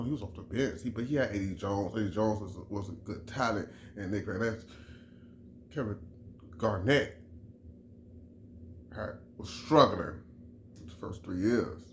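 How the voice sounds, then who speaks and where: In a lowish voice with a little hiss or hum in the audio, a Chicago vlogger in middle age hammers home his sports take casually. He repeats himself emphatically and keeps restarting his phrases.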